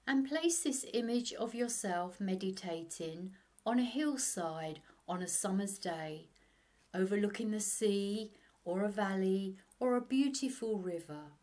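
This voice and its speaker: Hushed and slow, leaving long silences, this woman guides a meditation in the gentle style of a sleep story. She has a mid-range voice and lively intonation.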